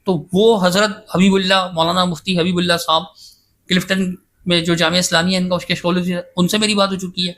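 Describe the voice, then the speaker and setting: A man's voice: high voice, flat delivery, fairly bright tone, a little hiss or hum. A man speaking as a guest scholar in a podcast interview, insistent and emphatic as he defends himself at length. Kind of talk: casual debate-style interview talk.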